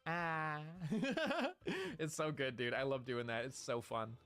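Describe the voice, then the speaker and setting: A male streamer at an everyday mid pitch, chatting in a playful, excited ramble. He jumps from bit to bit with plenty of energy. Light music sits faintly behind him. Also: moderate pace, clean tone. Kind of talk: casual live-stream chat.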